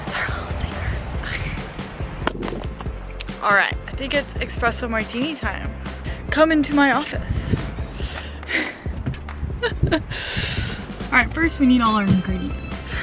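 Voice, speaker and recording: Giggly, slow-talking young woman vlogger. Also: fairly high pitch, expressive. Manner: giggly, laid-back, swears casually. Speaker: van-life vlogger. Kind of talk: casual vlog chat. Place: outdoors at a forest campsite by a van. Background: music.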